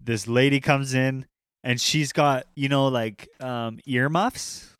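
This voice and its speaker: A man with a smooth, clear, mid-pitched voice chats casually with friends, slangy and profane. His voice sounds dry and close. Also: slow pace, a bit bright, no room sound. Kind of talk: casual chat.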